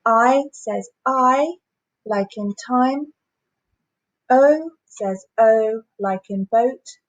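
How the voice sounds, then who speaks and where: A woman leads a children's phonics lesson, drawing out each vowel sound and word with deliberate care. Her pace is unhurried and gentle. The recording is dry, with no room around the voice. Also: on the high side, no echo, muffled recording. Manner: slow, clearly sounding out letters and words. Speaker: teacher. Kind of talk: primary school phonics lesson.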